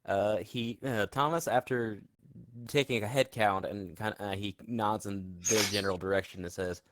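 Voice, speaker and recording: Hesitant, low-voiced man playing a tabletop game. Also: steady tone, moderate pace, noisy background. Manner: hesitant, thinks out loud with fillers. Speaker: player. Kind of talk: casual tabletop game talk.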